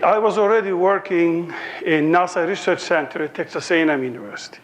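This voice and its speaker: A man's voice: sits high, lo-fi sound. A man in his sixties from Turkey with a Turkish accent, giving a conference lecture in a joking, anecdotal way. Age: 60s.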